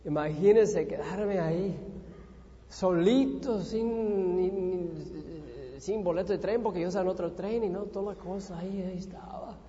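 A man preaches in a church, telling a story with lively energy and acting out his own moments of panic. His voice is mellow, and it rings through a long, echoey hall. The recording sounds dull and lo-fi. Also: sits high, a little slow. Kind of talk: sermon with personal storytelling.

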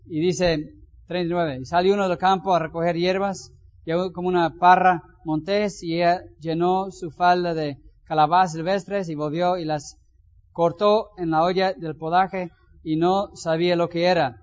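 High-voiced pastor, lo-fi sound. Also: male voice, steady tone, moderate pace. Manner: reads scripture aloud, then comments with folksy asides. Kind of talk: Bible reading and sermon. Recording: dull lo-fi sound.

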